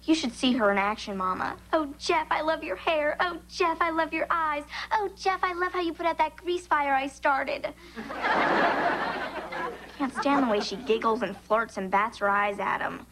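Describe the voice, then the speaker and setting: Wry teenage girl, high voice. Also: normal speed, a bit bright. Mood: frustrated. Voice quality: sarcastic, wry. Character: earnest teenage girl, quick sarcastic wit. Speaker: teenage girl working at a fast-food restaurant. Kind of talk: 1990s sitcom acting. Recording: noisy TV sitcom recording, live audience.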